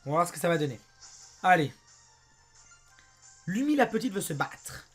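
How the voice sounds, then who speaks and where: A young French man with a hoarse voice, chatting excitedly as he plays a game and talks to his viewers. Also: fairly high pitch, moderate pace, faint music behind. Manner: chatty and excitable, often says "mes amis" and "abusé". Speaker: let's play host. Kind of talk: casual gameplay commentary.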